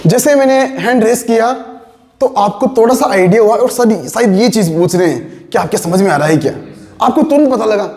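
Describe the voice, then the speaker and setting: High-voiced Indian man teaching English. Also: lively intonation, darkish tone, in a large hall. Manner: mixes Hindi and English, models sentences slowly for students to repeat. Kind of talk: classroom lesson in Hindi mixed with English. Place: classroom with students.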